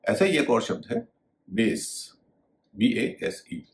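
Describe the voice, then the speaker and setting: Male tutor, lowish voice with a lot of swing; spells words out patiently. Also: very animated, slow pace. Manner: methodical, spells words letter by letter. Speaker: English pronunciation teacher. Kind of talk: explanatory video lesson.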